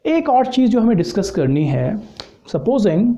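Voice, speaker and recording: Gravelly-voiced Indian man teaching English. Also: sits high, very animated, mellow, highs cut off. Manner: slow deliberate English examples, mixed Hindi explanation. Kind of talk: Hindi-English spoken grammar lecture.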